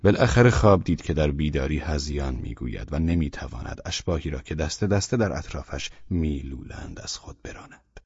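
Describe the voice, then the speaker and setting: Deep, husky male audiobook narrator. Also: animated, hardly any pauses, a little mellow, no room sound, dull audio. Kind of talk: scripted narration of a novel.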